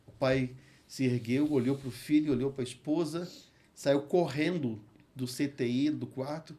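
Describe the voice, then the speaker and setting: In a podcast interview, a pastor and hospital chaplain speaking with a Brazilian Portuguese accent shares a heartfelt, emotional testimony, reading scripture aloud at a slow pace. He has a mellow, mid-range voice.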